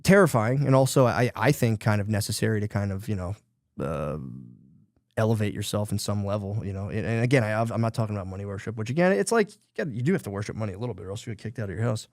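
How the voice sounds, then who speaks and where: A man's voice: fairly low pitch, expressive, quick pace, darkish tone, dry recording, studio quality. A man co-hosting a podcast, talking in a rambling, self-deprecating way, swearing casually and saying "dude" often. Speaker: podcast co-host.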